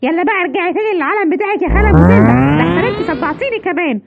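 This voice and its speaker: A woman's voice: very high voice, wildly swooping pitch, rapid-fire, narrow, tinny audio, very noisy, heavily acted. A woman with an Egyptian accent voicing a bossy, impatient grown-up bat-hero in a children's story, with music behind. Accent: Egyptian Arabic.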